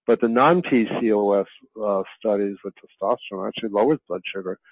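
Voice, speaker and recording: A man's voice: fairly low pitch, expressive, a little fast, vocal fry, slightly rough, no echo. Man on a tinny phone line. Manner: hesitant, many fillers and restarts. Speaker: physician guest. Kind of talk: conversational interview.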